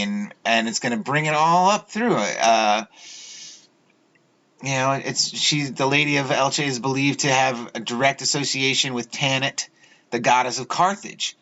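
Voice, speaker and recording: A man hosting his own video, talking in a halting, rambling way with many fillers and restarts as he goes through pictures. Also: medium pitch, pushed and bright. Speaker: video host. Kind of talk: rambling solo video talk over images. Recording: dull lo-fi audio.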